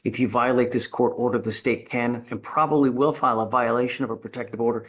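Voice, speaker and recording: A man's voice: medium pitch, level tone, fast, a bit bright, breathy edge. A man speaking as a judge in a courtroom, giving blunt, stern orders and warnings in a directive way. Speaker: judge presiding over bond hearings.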